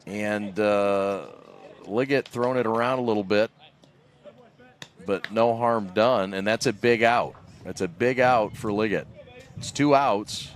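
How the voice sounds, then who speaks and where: A man with a fairly low voice gives live baseball play-by-play. He sounds informal and conversational, slipping in unhurried asides between calls. He is outdoors at the ball field. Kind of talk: live sports commentary.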